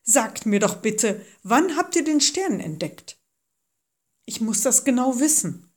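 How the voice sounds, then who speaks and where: A woman's voice: fairly high pitch, big pitch swings, slow pace, voice pushed up, full character voice. A woman voicing a scheming old king in a storybook reading, with a sly, falsely friendly manner. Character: scheming old male king, cunning tyrant.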